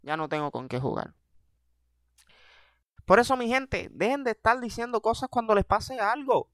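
A young man with a Puerto Rican accent doing an animated, self-mocking comedic monologue as a podcast host, heavy on slang. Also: high voice, normal speed, dry recording, studio quality.

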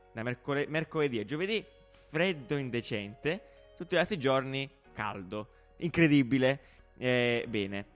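A male podcast host from Apulia speaks with emphatic, teasing energy and plenty of exclamations. His pitch is average for a man, and the delivery is comedic and chatty, with music playing underneath. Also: a bit bright. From Cisternino, Apulia, southern Italy. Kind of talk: lively comedic chat.

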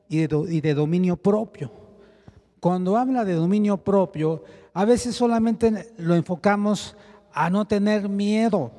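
A man's voice: high-pitched, darkish tone, in a large hall. A man preaching a sermon in a conversational teaching manner, often asking his listeners rhetorical questions.

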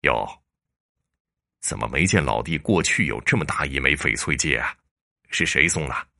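A man voicing a calm, shrewd old-style prefect judge. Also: extremely low pitch, vocal fry, full character voice. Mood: probing. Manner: dry, measured, sternly mocking.

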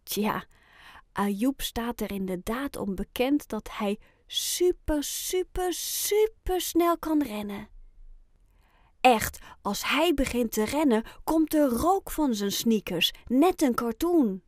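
A woman reads a children's story aloud at an unhurried pace. Her voice sits a little high, and she phrases the story gently and clearly. The recording is dry and close, with no room sound. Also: animated, no echo. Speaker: audiobook reader.

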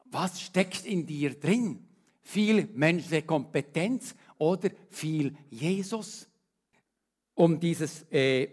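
Earnest preacher, rising and falling. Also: male voice, a little high. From Switzerland. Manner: earnest, rising to emphatic appeals then dropping to quiet. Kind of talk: sermon.

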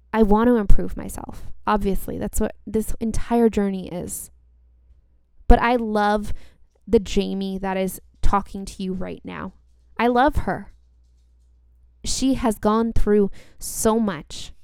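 A woman delivers motivational self-help talk in a clear voice with noticeable vocal fry. She speaks directly and earnestly to the listener, leaning on repeated phrases for emphasis, and the recording is close and dry. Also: mid-range voice, a little mellow, dry recording. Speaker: podcast host.

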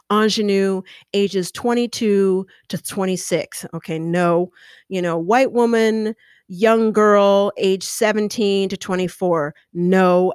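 On her podcast, a middle-aged woman with a lower, mezzo-alto voice tells a personal story in a casual way. She is animated and expressive, gesturing with her hands, and her smooth voice is recorded dry and close to the microphone.

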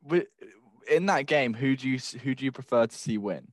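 A man's voice: mid-range voice, animated, a little fast, no echo. A man hosting a casual sports chat, teasing his co-hosts with banter. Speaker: podcast host.

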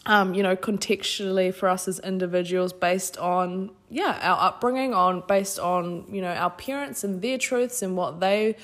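A woman with a New Zealand accent hosting a podcast, giving an informal, effusive spiritual self-help talk. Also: medium pitch. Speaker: podcast host.

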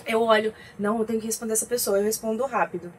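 A woman co-hosting a talk show, talking in a lively, chatty way. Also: a little high, rapid-fire, a little hiss or hum. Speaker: co-host. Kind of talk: casual talk show chat.

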